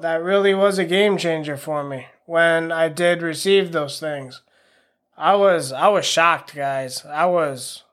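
Podcast host, male, high-pitched, chatty and self-deprecating solo monologue. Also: a bit bright. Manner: rambling, self-deprecating, frank. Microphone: home podcast microphone.

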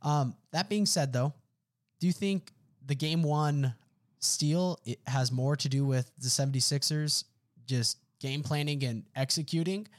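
A man's voice: on the high side, unhurried. Laid-back young man, sports podcast. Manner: laid-back, frequent "mm-hmm" and "bro". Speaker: podcast co-host. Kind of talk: casual sports chat.

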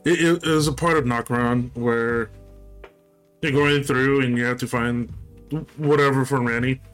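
A man's voice: mid-range voice, fairly even intonation, a little slow, a bit bright, faint music behind. A young man co-hosting a podcast in casual chat, rambling and hesitant, with frequent swearing. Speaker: podcast co-host.

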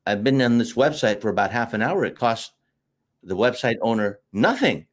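An American marketing teacher of middle age speaks at normal speed in an expressive, mid-range voice. As a guest in a casual interview, he talks at length, telling stories expansively and leaning on fillers.

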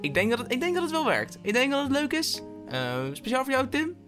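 Tired guy doing a solo comedy podcast, rambles and swears a lot, stumbles over his words, pitch bouncing all over, faint music underneath. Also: wildly swooping pitch, fairly quick. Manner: rambling, self-interrupting, swears often; jittery, stammering restarts. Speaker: podcast host. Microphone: podcast microphone.

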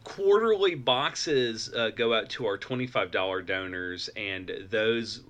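A man's voice: fairly low pitch, a little slow, fairly bright tone. A man co-hosting a podcast in casual chat, making dry asides between laughs. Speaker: podcast co-host.

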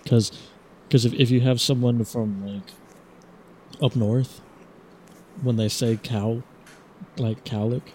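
A man's voice: medium pitch, fairly even intonation, takes it slowly, pauses often, darkish tone, a little hiss or hum. A young man in casual chat with a friend, teasing and chatty, often stumbling over his words as he restarts. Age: young adult. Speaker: podcast co-host.

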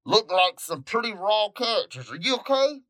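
A man's voice: sits high, big pitch swings, moderate pace, sharp tone, pitched above the performer's own voice, heavily acted. A man voicing a male trucker calling out urgently over his CB radio, in a raised voice well above his own.

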